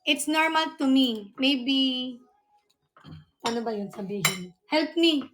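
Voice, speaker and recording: Filipino woman livestream host, giggly, halting English, high-pitched. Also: background noise. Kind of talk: casual live-stream chat.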